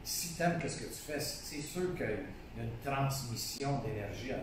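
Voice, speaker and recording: A man's voice: medium pitch, expressive, normal speed. A man with a Québécois accent chats about his painting with eager enthusiasm, circling back on his own phrases. He sounds far from the mic in a very echoey room. A faint hiss sits under his voice. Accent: Québécois French. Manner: enthusiastic, repeats phrases, restarts often. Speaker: painter being interviewed. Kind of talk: casual conversational interview.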